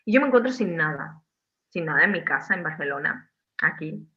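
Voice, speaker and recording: A woman from Spain, a theatre director talking as a guest on a video call from home, animated, with many restarts and tag questions. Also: sits low, brisk, muffled recording. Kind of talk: casual online interview.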